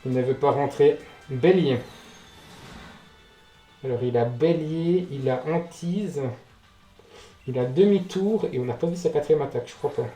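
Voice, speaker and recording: A man doing casual let's play commentary, reacting out loud, swearing and talking to the game. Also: on the high side, unhurried, long pauses. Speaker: gaming video host. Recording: roomy echo, game music behind. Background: game music.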